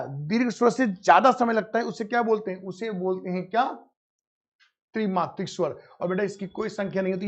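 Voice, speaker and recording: Teaching grammar in a live online class, a high-pitched man addresses his students as "beta" and answers the questions he poses himself. The recording has a dull, lo-fi quality.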